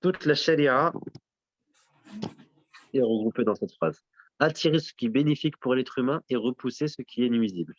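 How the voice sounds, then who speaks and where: A man's voice: mid-range voice, expressive, moderate pace, long pauses, dry recording. A male teacher leads a lesson by questioning his students and confirming their answers, sprinkling in Arabic religious terms. His voice sits in the middle range for a man. The recording is dry, with a dull, lo-fi tone. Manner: quizzes the class, repeats and affirms answers. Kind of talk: interactive classroom lesson.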